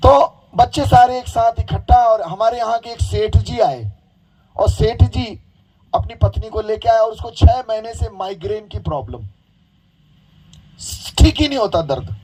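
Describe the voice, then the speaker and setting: A hoarse man preaching a sermon, telling stories with animation and coaxing the crowd into call-and-response. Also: high voice, lively intonation, unhurried, a little mellow, poor audio.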